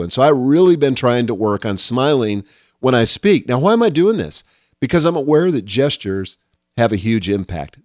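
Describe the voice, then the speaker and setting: A man's voice: medium pitch, no room sound. Middle-aged male podcast host, earnest and emphatic, dry studio sound. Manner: earnest, emphatic, lists numbered lessons. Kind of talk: solo leadership podcast monologue.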